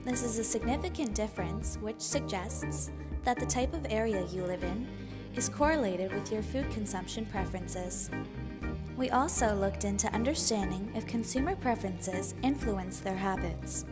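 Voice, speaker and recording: A woman presenting a student research study in formal scripted narration. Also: mid-range voice. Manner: formal, reads statistics. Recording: loud music behind.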